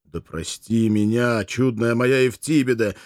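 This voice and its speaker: Мужчина озвучивает простодушного гладиатора, растерянно и умоляюще, в аудиокниге. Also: male voice, mid-range voice, measured pace, a little mellow, no room sound, studio quality, natural voice. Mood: bewildered. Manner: pleading, flustered. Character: simple-hearted male gladiator, bewildered, earnest. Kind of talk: audiobook character voice.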